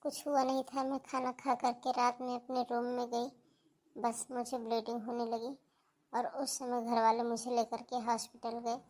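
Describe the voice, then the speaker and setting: A woman voicing a grieving young married woman in an animated family drama, recounting how her in-laws ignored her. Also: a little high, normal speed, close to an everyday voice. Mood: hurt. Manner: hurt, complaining recount. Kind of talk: animated cartoon voice acting.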